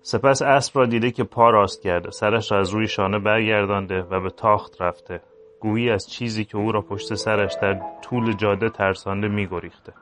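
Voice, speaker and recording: A man reading a translated novel aloud in measured literary narration, with occasional small slips. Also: lowish voice, fairly even intonation, fairly bright tone, faint music behind. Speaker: reader.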